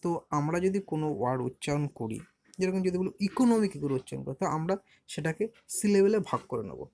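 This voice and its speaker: A man's voice: on the high side, expressive, dark tone. Patient man teaching, drawing out syllables. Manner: spells words out letter by letter and stretches syllables slowly; patient, explanatory, asks and answers his own questions. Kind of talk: beginner language lesson.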